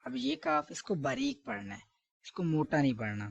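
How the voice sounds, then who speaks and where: A man's voice: sits high, huge pitch swings, moderate pace, gravelly, dry recording, muffled recording. A man teaching letter pronunciation, correcting common mistakes and repeating each sound several times. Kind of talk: Arabic letter pronunciation lesson.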